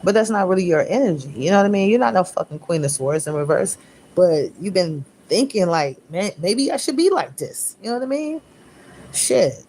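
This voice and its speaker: A woman's voice: lowish voice, vocal fry, slight background noise. A woman giving a casual tarot reading, talking bluntly with lots of profanity and slang. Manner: profane, blunt, animated slang-heavy talk; mimics listeners in raised voice. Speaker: tarot reader.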